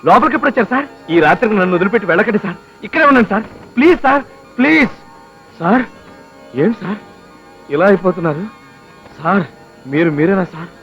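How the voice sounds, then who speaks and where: An actor playing a flustered young married man who talks in quick, excitable outbursts in a film comedy. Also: high-pitched, highs cut off, faint music behind. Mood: panicked. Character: flustered young husband, jumpy and loud. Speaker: newly married office clerk. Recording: film score behind.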